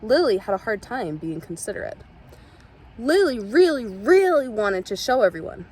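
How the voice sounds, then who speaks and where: A woman reading a children's picture book aloud with expressive storytelling. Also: medium pitch, normal speed, breathy edge. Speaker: storybook reader.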